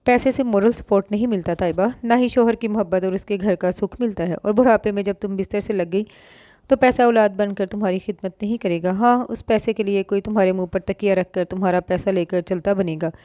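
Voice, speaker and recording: A woman's voice: medium pitch, brisk, mellow, no room sound, studio quality, natural voice. A woman voicing a blunt young married woman who lectures her friend, in a read-aloud novel. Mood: pushy.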